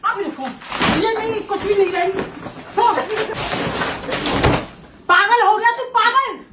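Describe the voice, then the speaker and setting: Very high-voiced scolding woman, roomy. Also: slow, recorded from a distance, very noisy. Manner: scolding, teasing. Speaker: sister. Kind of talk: emotional vlog argument. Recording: roomy, from off-mic.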